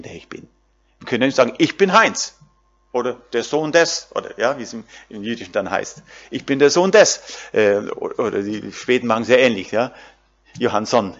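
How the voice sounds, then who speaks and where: A man preaching a sermon in a lively voice that rises and falls widely. He speaks straight to his listeners, full of fillers and little tag questions. The recording sounds dull and lo-fi. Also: medium pitch, slightly rough. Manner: talks directly to the congregation with many fillers and tag questions.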